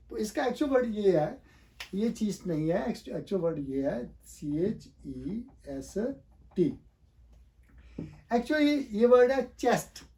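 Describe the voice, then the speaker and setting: A man's voice: sits high, vocal fry, warm tone, far from the mic. A man teaching a pronunciation lesson, asking and answering his own questions and spelling words out letter by letter. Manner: hesitant, many fillers and restarts.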